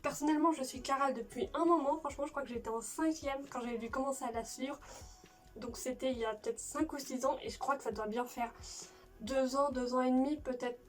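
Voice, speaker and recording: A young woman with a fairly high voice and a slushy, lisping s. She chats informally as a reaction video host, gushing and repeating herself in slang, recorded a little away from the mic. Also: fairly even intonation, fairly quick, far from the mic, soft background music. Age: late teens, young adult. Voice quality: slushy lisp on s sounds. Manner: stiff upper lip from mouth swelling. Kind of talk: casual excited video chat.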